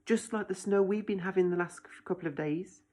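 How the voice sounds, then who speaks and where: A woman with a lowish voice and dark tone reads a picture book aloud at a fairly quick pace. Like a teacher, she's expressive and dramatic, turning to young listeners with direct asides.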